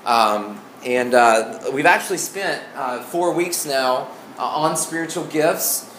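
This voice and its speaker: A man with an Arkansas Southern accent teaching an informal sermon as a pastor, folksy and halting, often restarting his phrases. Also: a little high, fairly bright tone. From Arkansas, United States. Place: indoor room before a congregation. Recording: echoey room, faint background noise.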